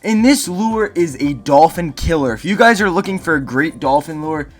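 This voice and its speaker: Here the fishing gear review host sounds a little high, with lively intonation at a normal speed. Over music, he walks viewers through a top ten countdown, keeping it casual and emphatic as he stresses and repeats key phrases.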